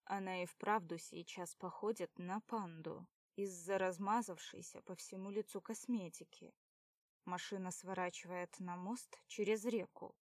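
A woman narrating an audiobook in a steady storytelling manner. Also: medium pitch, dry recording.

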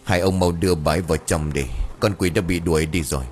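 A man voicing a calm, firm female exorcist in a Vietnamese ghost audiobook. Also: low voice, faint music behind, voice pushed down, close to an everyday voice. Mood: stern. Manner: stern, measured. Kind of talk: audiobook character voice.

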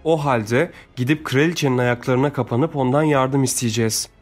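A man's voice: medium pitch, normal speed, soft background music, natural voice. Male reader doing a brave, resolute captain's daughter, audiobook. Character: brave young girl, daughter of a sea captain.

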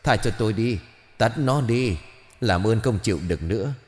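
A man's voice: on the low side, lively intonation, moderate pace, darkish tone, in a large hall, close to an everyday voice. A man doing a vengeful young woman ghost. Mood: enraged. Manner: snarling, threatening. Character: vengeful young female ghost, furious and shrieking.

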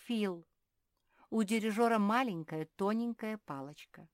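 A woman's voice: medium pitch, a little slow, no room sound, clean studio sound, voice pushed up, close to an everyday voice. Fields: Figure: woman doing a patient wise owl. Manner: patient, explaining, sighing. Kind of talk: storybook reading.

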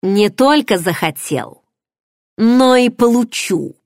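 A woman's voice: fairly high pitch, animated, slow pace, a little mellow, no echo, clean studio sound. A woman reading an audiobook voices an unhinged, violent man who hisses his threats. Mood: menacing. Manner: hissing, menacing.

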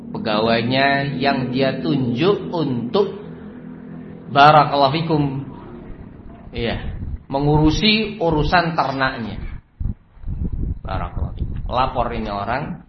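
A male preacher tells a moral story in a lively, swinging voice that rises and falls widely. He keeps coming back to a set blessing phrase between sentences. The recording is roomy and a little dull, with faint noise underneath. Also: mid-range voice, slow, pauses often. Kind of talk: sermon storytelling.

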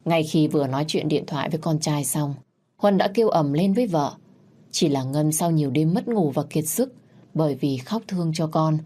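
A woman narrating a sad family story in a calm, even storytelling manner. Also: low-pitched.

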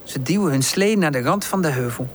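A woman narrating a children's storybook in a calm, gentle reading voice. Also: low voice, fairly quick, slight background noise. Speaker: audiobook narrator.

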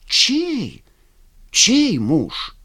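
A man's voice: high-pitched, huge pitch swings, drawn-out words, bright, forceful tone, slightly rough, pitched above the performer's own voice, exaggerated voice. A man reading a story, voicing an impulsive young cadet who stammers and pleads breathlessly. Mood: desperate pleading.

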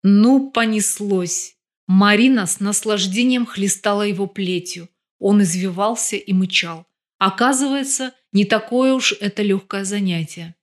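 Woman reading a crime novel audiobook, even storyteller voice, mid pitch. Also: a little slow. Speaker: audiobook narrator.

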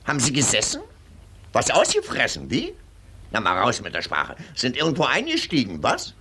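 An older actor playing a pompous, condescending military colonel in a 1940s radio drama, lecturing in a blustering, patronizing way. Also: male voice, medium pitch, huge pitch swings, normal speed, bright, forceful tone, husky, exaggerated voice.

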